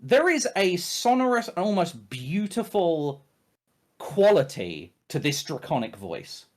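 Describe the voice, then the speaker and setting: A man narrates a tabletop role-playing game as game master. His voice sits a little high and swings widely in pitch. He improvises casually and emphatically, swearing as he goes. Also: sing-song, a little slow.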